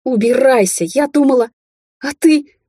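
A proud and easily offended young rich woman with a high, shrill edge to her voice, as the audiobook reader puts her on. The voice is dark and husky underneath, recorded close and dry. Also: lively intonation, a little fast, no echo. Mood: furious.

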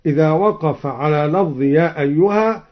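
A man presenting Quran recitation readings, explaining each variant and then chanting it in a slow melodic style, on an old radio recording. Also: fairly high pitch, muffled recording. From Egypt.

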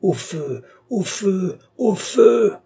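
A man voicing a dying old alchemist who pleads, rages and screams in a hoarse, harsh voice. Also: unhurried, warm tone. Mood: raging. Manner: shrill pleading cries turning to furious screams. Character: dying old male alchemist, raging and vengeful.

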